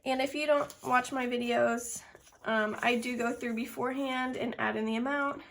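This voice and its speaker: Slightly breathless young woman, creaky voice. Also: on the high side, fairly even intonation, normal speed, fairly bright tone, slight background noise. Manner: counts amounts aloud step by step. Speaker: budgeting video host. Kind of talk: casual narration of a hands-on task.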